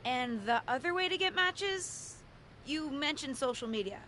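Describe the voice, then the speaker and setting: An earnest young rookie wrestler in game dialogue. Her voice is bright and fairly high, and she speaks in a calm, plain way. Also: a little fast, gravelly, slight background noise.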